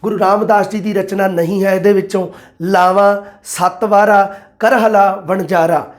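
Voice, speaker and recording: A man, an exam-prep teacher explaining multiple-choice answers and quoting verses slowly. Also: high-pitched, fairly even intonation. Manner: addresses listeners as "bai", quotes verses slowly.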